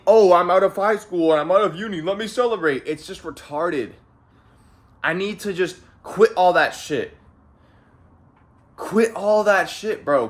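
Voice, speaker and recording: A young adult vlogger from Canada, in his late teens, speaks to camera from home in a high-sitting, slightly bright voice. He rambles in a casual, profane motivational monologue, repeating phrases and saying "bro" again and again.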